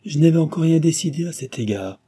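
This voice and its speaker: A man's voice: on the high side, lively intonation, quick pace, mellow, husky, pitched above the performer's own voice. A man reading aloud and voicing an agitated, pleading young heiress in a raised voice. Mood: flustered.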